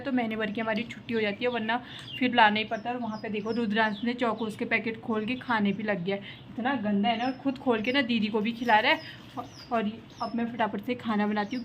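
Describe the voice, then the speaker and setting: Fast-chatting Uttarakhandi woman vlogger. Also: on the high side, a little hiss or hum, rough recording. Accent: Uttarakhandi Hindi. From Uttarakhand, India. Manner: chatty, rambling, filler "na" throughout. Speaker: family vlogger. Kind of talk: casual vlog narration. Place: outdoors in traffic and at home.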